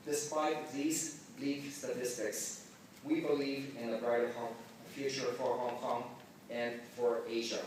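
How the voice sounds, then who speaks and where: A man raised in the Philippines delivers a measured, formal welcome speech at a mid pitch. His voice reaches the mic from a distance and rings out through a very echoey hall. A faint hum of room sound sits behind him. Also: little pitch movement. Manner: measured, deliberate delivery with occasional slips. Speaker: forum organizer giving welcome remarks. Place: large conference hall.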